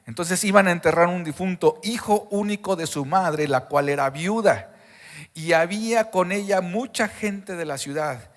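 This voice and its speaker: A man with a high voice preaches an Easter Sunday sermon, speaking emphatically and asking the congregation questions. He is recorded at a live church service, and his voice rings with the long reverb of the hall. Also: a bit bright. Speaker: pastor.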